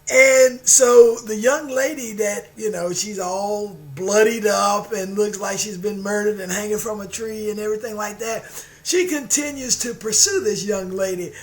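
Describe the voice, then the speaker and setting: Male motivational speaker, high-pitched voice, informal storytelling, emphatic delivery, repeats for emphasis. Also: normal speed, rough recording.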